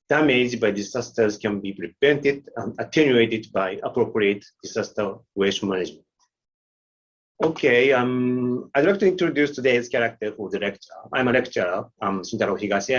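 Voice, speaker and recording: A man, giving an online lecture with slides, halting and full of fillers. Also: mid-range voice. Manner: halting, many fillers and restarts. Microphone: video call. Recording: muffled video call audio.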